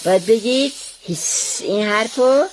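A woman teaching a class of young children, speaking in an animated, exaggerated way and praising them often. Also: on the high side, slight background noise.

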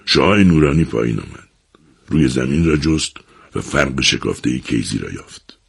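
Very deep gravelly man, husky, lively audiobook narration.

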